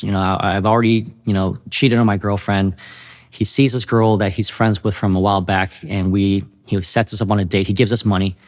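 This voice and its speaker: A man sharing his personal testimony in an earnest, halting way, often restarting his sentences. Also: on the low side. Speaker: testimony speaker.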